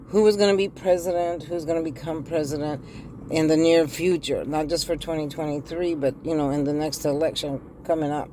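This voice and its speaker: Sitting in her car with a phone in one hand, a middle-aged woman offers viewers a relaxed tarot reading, umming hesitantly. Her flu-roughened voice is low and warm, and there's a slight hiss or hum on the recording.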